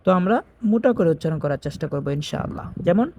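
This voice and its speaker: A man teaching Quran reading, slowly repeating each Arabic letter sound and explaining where in the mouth it is made. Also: a little high, expressive, darkish tone, a little hiss or hum. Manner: chants the Arabic opening phrases in a drawn-out sing-song.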